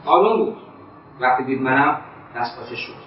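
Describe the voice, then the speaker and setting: An actor playing a volatile young son who threatens someone who has been spying on him, in a radio drama. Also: male voice, medium pitch, animated, slight background noise, natural voice. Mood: recounting. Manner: tense, threatening. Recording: echoey, distant, dull lo-fi sound.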